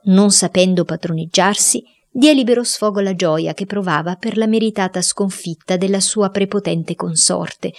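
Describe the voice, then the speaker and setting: Woman reading a storybook, fairly low voice. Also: darkish tone. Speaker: audiobook narrator.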